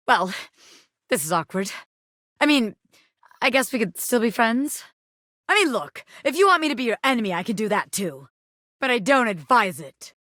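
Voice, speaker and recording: A woman's voice: fairly high pitch, a bit bright, no echo, studio quality. A woman voicing a scrappy living hairpin in a video game, a brash wannabe crime boss with streetwise, slangy tough talk. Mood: awkward, tough. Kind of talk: video game character dialogue.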